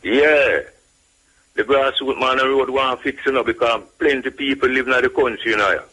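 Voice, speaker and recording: A man's voice: mid-range voice, fairly even intonation, brisk, sharp tone, rough recording. A man from Jamaica with a Jamaican accent, calling in to a radio show and talking casually, emphatic and full of repeated tag phrases. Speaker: radio caller. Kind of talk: casual call-in talk.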